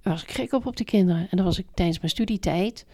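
Gravelly-voiced woman, emphatic storyteller. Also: lowish voice, fast. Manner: emphatic, repeats points, lively storytelling. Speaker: interview guest, parenting expert. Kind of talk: conversational interview.

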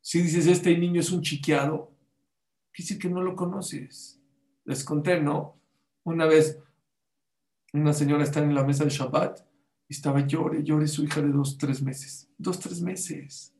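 A religious teacher preaches to his listeners, often stopping to ask them questions and weaving in Hebrew sayings. His voice sits a little high for a man. The room around him is echoey. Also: fairly even intonation, a little slow, a little mellow. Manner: asks the audience rhetorical questions, cites Hebrew sources. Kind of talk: sermon-style talk on parenting.

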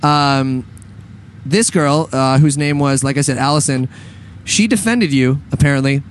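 A man's voice: medium pitch, unhurried, a little hiss or hum. A young man hosting a radio talk show, chatting casually with many fillers, jokes and laughs. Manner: rambling, laughing, joking.

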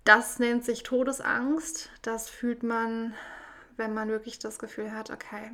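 A woman recounts a personal story in a reflective, unhurried monologue. Her pitch stays narrow and even, with little rise or fall. She pauses often between phrases. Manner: reflective, measured, with frequent pauses.

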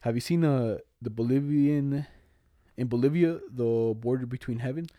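A young man in casual co-host banter, telling stories in a slangy, profane, animated way. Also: medium pitch, moderate pace, no echo, dull audio.

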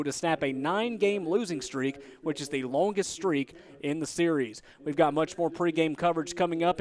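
A man's voice: fairly high pitch, darkish tone. A man hosting a pregame sports broadcast with emphatic delivery. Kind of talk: pregame commentary with read headlines.

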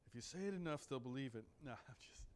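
A man's voice: medium pitch, animated, fast talker, a little hiss or hum. A man preaching a sermon, reading scripture aloud and breaking off into folksy, joking asides, often repeating his words.

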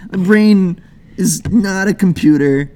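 A man's voice: high-pitched, takes it slowly, crowd noise. A man in casual chat, joking, laughing often and swearing.

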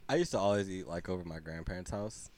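A man's voice: deep voice, expressive, fast, a little mellow. A man co-hosting a podcast, telling a wry story in casual chat. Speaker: podcast co-host.

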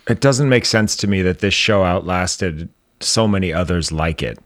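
A man in his thirties co-hosting a podcast, talking offhand with dry, dark humor. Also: sits low, normal speed, no echo. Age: 30s. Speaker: podcast co-host. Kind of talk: casual chat.

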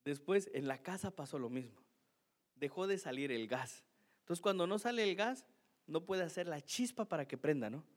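A man's voice: on the high side, lively intonation, normal speed. A male pastor telling a funny story about himself in a sermon, chatty and self-mocking, who keeps asking "¿no?". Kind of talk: sermon with a humorous personal story.

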